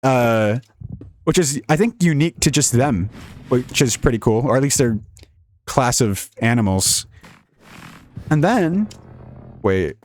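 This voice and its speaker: A man's voice: medium pitch, expressive, a little slow, pauses often, a little hiss or hum. A young man giving casual, jokey, rambling commentary while playing a video game. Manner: rambling, jokey, laughs often. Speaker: gaming YouTuber.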